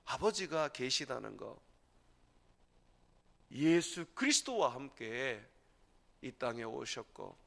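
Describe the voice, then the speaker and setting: A man preaching a sermon as pastor, emphatic, with sudden loud, high bursts. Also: sing-song, takes it slowly, creaky, pauses often.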